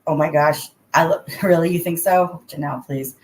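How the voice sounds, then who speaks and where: A woman's voice: deep voice, fairly even intonation, normal speed, darkish tone. A woman hosting a casual, chatty livestream from an echoing bathroom, greeting viewers as she goes. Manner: chatty, addresses viewers by name. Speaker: livestream host. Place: indoors, in a bathroom. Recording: echoey bathroom, clear background noise.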